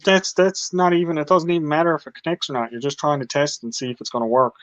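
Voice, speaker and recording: A man's voice: a little high, steady tone, quick pace, fairly bright tone, dry recording. A man co-hosting a casual live chat, joking around and giving practical tips. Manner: joking, gives practical advice. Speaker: live show co-host. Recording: dull lo-fi sound.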